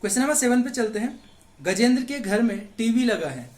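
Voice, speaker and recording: A man's voice: very high voice, animated, fairly quick, a little mellow. Man teaching Hindi grammar, echoey room. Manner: asks rhetorical questions and answers them. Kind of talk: exam question walkthrough lesson.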